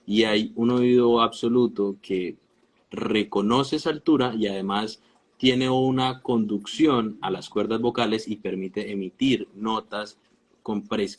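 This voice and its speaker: A man from Colombia, a music teacher, calmly explaining things as the guest of a casual live-stream interview over a video call. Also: on the low side, breathy edge. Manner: calm and explanatory, restarts words.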